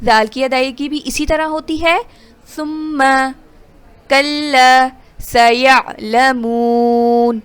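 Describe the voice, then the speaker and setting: A woman teaching Quran recitation rules, explaining quickly and then reciting verses slowly and drawn out. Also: sits high. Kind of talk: tajweed lesson with recitation.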